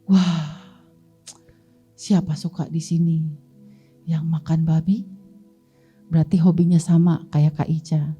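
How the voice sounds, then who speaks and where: A woman's voice: low-pitched, slow pace, long pauses, slightly rough, dull audio, faint music behind. A woman Sunday school teacher with an Indonesian accent, telling children a Bible story and asking them questions along the way. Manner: lively, asks the children questions and answers them.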